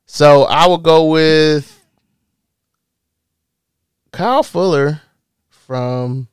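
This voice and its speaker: A man's voice: a little high, very slow, clean tone, dry recording, studio quality. A man co-hosting a sports podcast, chatting casually and rambling, often stumbling over his words. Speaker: podcast co-host.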